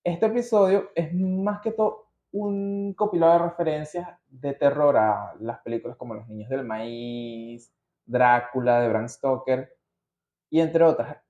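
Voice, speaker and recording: In a warm, medium-pitched voice, a podcaster with a Venezuelan accent talks unhurriedly through his notes, casual and full of slang and digressions. The recording comes across as muffled and roomy.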